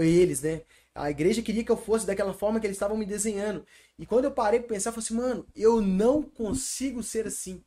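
Fast-talking, slangy man. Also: sits high, dark tone. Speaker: podcast co-host. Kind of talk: casual podcast chat.

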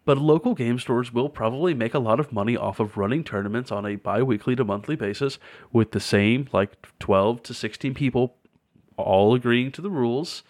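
A man's voice: mid-range voice, moderate pace, darkish tone. A man co-hosting a casual podcast, talking in an upbeat, chatty way full of fillers. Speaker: podcast co-host.

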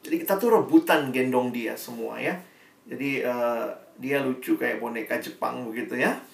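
A male preacher delivering a sermon to young adults, animated and conversational. He acts out dialogue and moves between loud emphatic lines and soft asides. He is heard from some distance in a roomy, echoing hall at a mid-range pitch. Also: moderate pace, gravelly.

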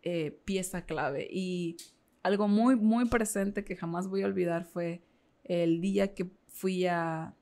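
A podcast guest, a woman with a lowish, dark-toned voice, speaks slowly as she tells a personal story with feeling. It's casual interview chat, full of fillers.

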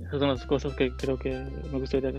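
In his thirties and from the Dominican Republic, this man works as a content creator and answers interview questions casually as a guest, using lots of fillers and slipping in English words. He talks fast in a monotone, with a medium-pitched, darkish voice, and faint music plays behind him.

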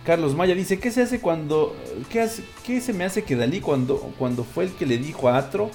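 A slightly high, expressive, a little mellow male voice at normal speed, with soft music in the background. He's a Mexican-accented host of a relaxed call-in style online show, reading messages from listeners in crude, jokey slang.

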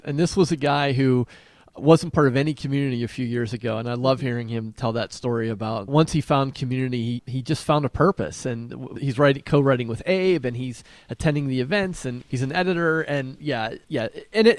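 A podcast co-host with a medium-pitched, brisk voice talks informally in a casual conversation, thinking aloud and rephrasing his points. The recording is dry.

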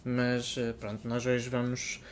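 A man's voice: medium pitch, completely flat delivery, unhurried, a little hiss or hum. Dry young man. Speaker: podcast co-host. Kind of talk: casual chat.

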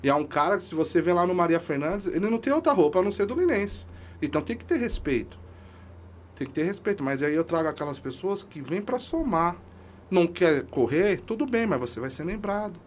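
A man sits in on a casual podcast chat and tells his stories with feeling, slangy and emphatic. His voice sits a little high for a man, and faint noise hums under the recording. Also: expressive, brisk. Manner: emotional storytelling, slangy and emphatic. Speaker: podcast guest, amateur football club leader.

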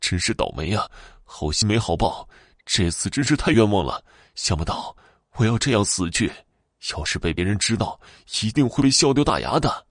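Man doing a frightened young guy, pleading, rushed, high-strung, lively voice. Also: dry recording, clean studio sound.

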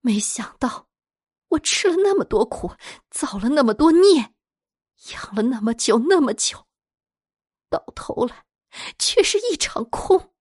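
A woman voicing a jealous, tormented young woman who swings between high cries and breathy whispers. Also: very animated, measured pace, long pauses, darkish tone, no echo, studio quality, heavily acted. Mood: bitter, unhinged.

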